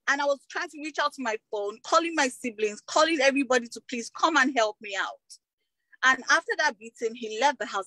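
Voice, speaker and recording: Nigerian woman, interview guest, emotional retelling, fairly high voice, dry close sound. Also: sharp tone, no echo, rough recording. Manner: emotional, tag questions like "you get". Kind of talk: recounting a personal story in an interview.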